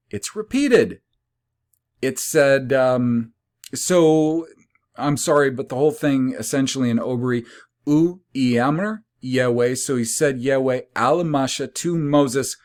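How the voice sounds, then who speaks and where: A man giving an explanatory scripture talk, deliberate and emphatic, repeating key words and pausing with an occasional filler. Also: medium pitch, a little mellow. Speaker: Bible language presenter.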